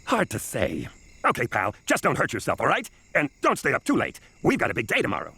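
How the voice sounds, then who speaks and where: A man's voice: mid-range voice, huge pitch swings, fairly quick, creaky, pushed and bright, husky, heavily acted. A man voicing an earnest, self-doubting crocodile detective who narrates and talks in a cartoon audio drama. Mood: fatherly. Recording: music behind the voice.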